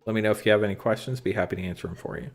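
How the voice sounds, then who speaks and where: Here the card shop streamer talks at a racing pace in a fairly low, fairly even voice, using a phone-and-computer stream rig. He casually reads out card text, chats with his audience, and fills gaps with frequent ums.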